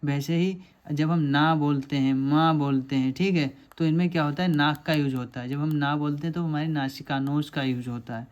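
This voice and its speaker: A man's voice: on the high side, steady tone, normal speed, few pauses. A man teaching a lesson over diagrams, patiently asking questions and answering them himself.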